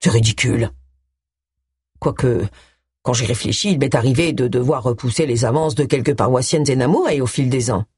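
A woman's voice: very deep voice, fairly quick, a little mellow, slightly rough, no echo, studio quality, voice pushed down. A woman voicing an indignant middle-aged male vicar who talks curtly and scolds. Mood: defensive. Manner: curt, scolding.

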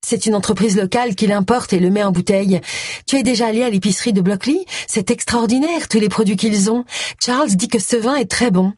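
A woman voicing a young woman in an audiobook reading, lively and a touch husky. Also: medium pitch, a little fast, dry recording, clean studio sound, pitched above the performer's own voice, lightly acted. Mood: chatty.

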